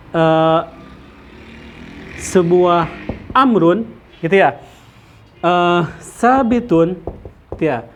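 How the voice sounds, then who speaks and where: A man leads a study circle lesson. His voice sits high for a man. He explains slowly, with many fillers and Arabic terms, and often checks in with his listeners. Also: highs cut off. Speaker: teacher of Islamic theology.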